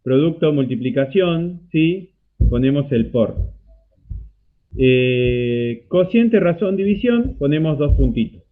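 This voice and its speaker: A man's voice: a little high, lively intonation, takes it slowly. A man with an Argentine accent teaching a math class online, explaining step by step and checking in often with a rising "¿sí?". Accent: Argentine Spanish. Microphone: computer mic on a video call. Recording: tinny phone-like video call audio.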